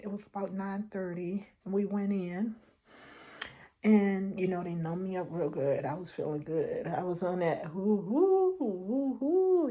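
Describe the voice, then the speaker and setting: A middle-aged woman tells a personal story straight to her viewers. Her voice is mellow and a little husky. She is animated and slips into the voices of the people she talks about, calling her viewers y'all. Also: medium pitch. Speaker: vlogger.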